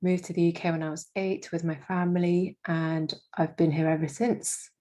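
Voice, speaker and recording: A young woman from Indonesia talks through her background as an interview guest. Her voice sits low with little rise and fall, and she often pauses on fillers and restarts her sentences. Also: flat delivery, warm tone. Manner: hesitant, many fillers and restarts. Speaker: guest, freelance marketing manager. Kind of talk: casual interview.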